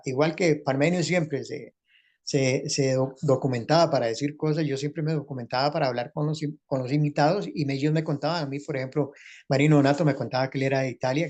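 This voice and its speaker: A man's voice: mid-range voice, a little mellow. An older man with a Costa Rican accent, a former radio actor who reminisces as a guest and rambles from one anecdote to the next with many restarts.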